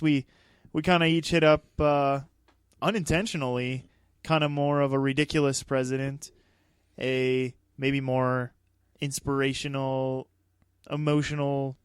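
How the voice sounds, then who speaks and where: A man's voice: medium pitch, clear, resonant tone, dry recording, clean studio sound. A man co-hosting a movie podcast, chatting casually and animatedly, often laughing as he talks. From Dakotas, United States. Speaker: podcast co-host. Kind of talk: casual chat.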